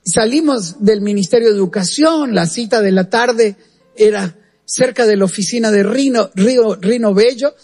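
Male presenter, high husky voice; earnest, animated testimony storytelling. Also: normal speed. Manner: earnest, animated retelling with direct asides to the listener. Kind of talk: storytelling testimony on a radio program.

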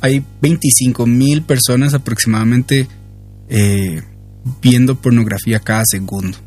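A man's voice: medium pitch, a little slow, a little mellow, husky, faint music behind. A young man co-hosting a family talk show, listening attentively and giving frequent small replies. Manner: attentive, with frequent back-channel sounds. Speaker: co-host. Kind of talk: podcast interview hosting.

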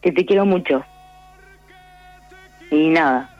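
A woman with a Uruguayan accent leaving a voicemail message, halting and shy as a radio host coaches her along. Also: deep voice, no echo, highs cut off, faint music behind. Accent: Uruguayan Spanish. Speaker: caller.

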